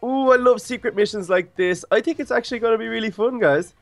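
A man playing a friendly, excitable young turtle teacher in an improvised video game roleplay, chatty and casual. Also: extremely high pitch, fast talker, creaky, dry recording, soft background music. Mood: eager, cheerful.

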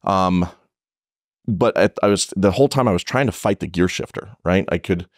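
A man's voice: low-pitched, moderate pace, no room sound, clean studio sound. A man who is a police officer, telling a story in a casual podcast interview, blunt and profane, with frequent restarts.

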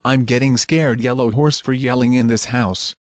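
A man's voice: mid-range voice, fairly even intonation, moderate pace, no room sound, lightly acted. A man voicing a scared male bear toy who pleads and protests over and over. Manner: pleading, with strings of repeated protests.

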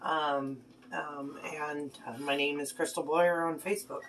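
The recording is rough: a woman in her thirties speaks in a low-pitched, steady, unhurried voice as she cooks with her daughter at home, frequently praising her. This casual cooking vlog chat comes from a phone camera on the counter, with dishes and pans clattering clearly.

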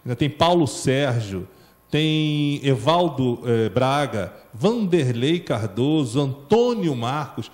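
A man's voice: medium pitch, lively intonation, slow, darkish tone, roomy sound, in a large hall. A man hosting a TV talk show, praising his guest with enthusiasm. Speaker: TV show host.

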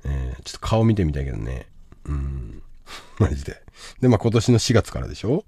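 A man hosting a livestream, reading out a viewer's love troubles and impatiently insulting him to join the call, dropping to mutters and then bursting into shouts. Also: rumbling low, sing-song, a little fast, breathy edge, no room sound. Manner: brash, insulting, impatient, swinging from mumbles to shouts. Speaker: livestream host giving advice. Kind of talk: livestream chat reading comments.

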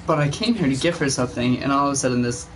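A man's voice: medium pitch, very fast, low-quality recording. A young man doing casual let's play commentary as the host of a gaming video. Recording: game sound behind the voice. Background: game dialogue and ambience.

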